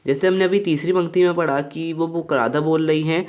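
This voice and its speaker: A man's voice: on the high side, steady tone, brisk, darkish tone, muffled recording. A young man explaining a Hindi poem line by line in a plain, repetitive way, often calling his viewers friends. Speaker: tutor.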